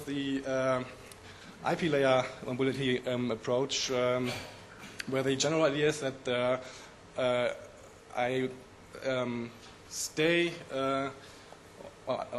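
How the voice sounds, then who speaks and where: A man with a croaky, hoarse voice from a flu, giving a technical conference presentation with many pauses and fillers. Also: mid-range voice, steady tone, a little hiss or hum. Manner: halting, many ums and uhs. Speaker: conference speaker.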